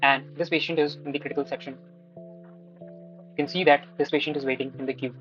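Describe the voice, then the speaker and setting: A man's voice: a little high, fairly even intonation, a little fast, a bit bright, highs cut off, faint music behind. Indian-accented man presenting a step-by-step demo. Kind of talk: live product demo walkthrough.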